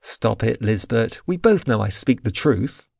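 A man voicing a stern young warrior in an audiobook, firm, measured and authoritative. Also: medium pitch, lively intonation, vocal fry, darkish tone, breathy edge, no room sound, studio quality, exaggerated voice. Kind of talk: audiobook character voice.

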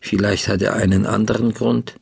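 A man voicing a gentle eighteen-year-old village girl in an audiobook, speaking softly and quietly in a gravelly, husky voice. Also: lowish voice, flat delivery, normal speed, heavily acted. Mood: soft grateful. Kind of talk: audiobook dialogue.

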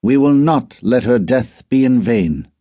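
A man's voice: mid-range voice, lively intonation, unhurried, warm tone, dry recording, pitched above the performer's own voice. A man voicing a grieving, proud older father who speaks stiffly and formally, and whose anger comes out as a hiss. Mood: solemn, formal. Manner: stiff formal speechmaking, turns to hissed fury.

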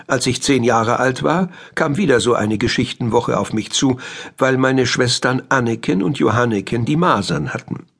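A man narrating a children's audiobook in a calm first-person storytelling manner. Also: medium pitch, creaky, slightly rough. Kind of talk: scripted narration of a children's book.

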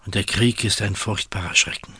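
A man voicing a respected, wise farmer who answers respectfully and in measured words in a storybook reading. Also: lowish voice, steady tone, pushed and bright, breathy edge, no echo, studio quality, exaggerated voice. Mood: earnest. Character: respected wise male farmer, humble, cautious.

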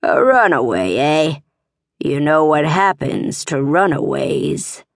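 A grimy, leering stablemaster, as a female narrator puts him on drawls his threats in a low, grating sneer. He speaks slowly and heavily. The recording is close and dry, like a fantasy audiobook. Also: very animated, no room sound, heavily acted.

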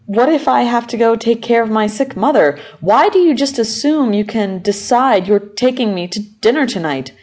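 Guarded young office worker, read by a woman, low warm tone, polite but defensive. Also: animated, normal speed, natural voice. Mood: irritated.

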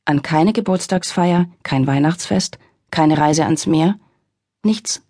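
A woman's voice: sits low, slow pace, mellow, dry recording. A woman narrating an audiobook in the first person, in a wry, exasperated storytelling manner, on a close studio mic.

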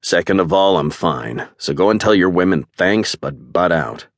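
A man reading as a brooding male warrior leader, gruff and curt in his replies. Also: sits low, animated, moderate pace, no room sound, clean studio sound.

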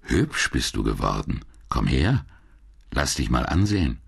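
A man's voice: a bass voice, big pitch swings, a little slow, creaky, breathy edge, pitched below the performer's own voice, heavily acted. A man doing a smug, leering crook. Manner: drawling, amused. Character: smug middle-aged male crook, sly and leering.

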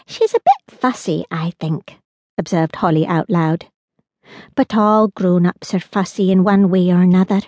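A woman voicing an excited young girl in a children's audiobook, urgent and pleading. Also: lowish voice, unhurried, no room sound, lo-fi sound. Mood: eager. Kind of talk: audiobook character voice.

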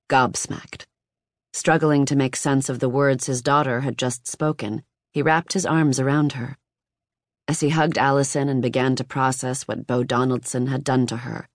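An audiobook narrator giving a measured, even reading of nonfiction, recorded close in a booth. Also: mid-range voice, no echo.

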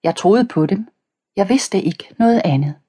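A woman narrating a children's audiobook in the first person, calm and even, reading page numbers aloud. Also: medium pitch, breathy edge. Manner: reads page numbers aloud between passages.

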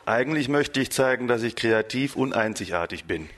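A man's voice: medium pitch, lively intonation, moderate pace, fairly bright tone, close to an everyday voice. A man doing a brash, cocky male blackbird. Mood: stubborn. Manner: stubborn, brash and blunt.

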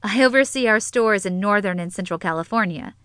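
A woman's voice: medium pitch, brisk, a bit bright, clear, resonant tone, dry recording, studio quality, lightly acted. A woman voicing a composed middle-aged businesswoman who speaks poised and a little guarded.

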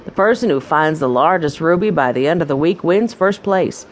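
Speaking low with lively intonation at a normal speed, a woman voices a gem mine owner for a children's audiobook. The character is a friendly, businesslike man with a folksy salesman's charm, and the tone is welcoming and informative.

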